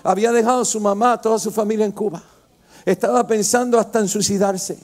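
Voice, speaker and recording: A male pastor preaching a sermon with passion, moving from quiet, intimate storytelling to loud, shouted exhortation. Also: high voice, fairly even intonation, fast. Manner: impassioned preaching, swings from hushed to shouting.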